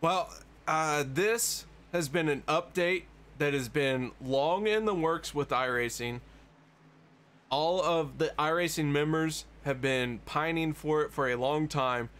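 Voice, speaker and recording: A man's voice: a little high, slow pace, a bit bright, smooth. A man with a Missouri accent doing race commentary with casual banter. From Missouri, USA. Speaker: sim racing commentator.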